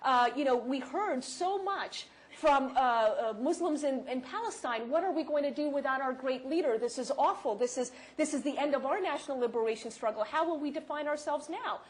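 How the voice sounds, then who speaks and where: A woman speaking at a university lecture and answering audience questions, animated and emphatic, quick to rebut. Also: high-pitched. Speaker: guest speaker.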